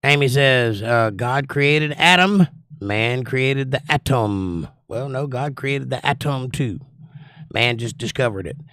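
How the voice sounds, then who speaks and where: A man's voice: mid-range voice, slow pace, a bit bright, no room sound, clean studio sound. A man with a folksy hillbilly drawl, chatting casually and opinionatedly as a livestream host. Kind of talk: casual livestream chat, monologue answering viewers.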